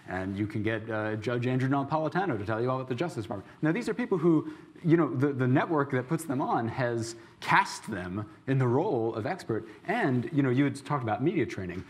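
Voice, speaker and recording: A man speaking as a panelist, making a wry and brisk point about commentators. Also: mid-range voice.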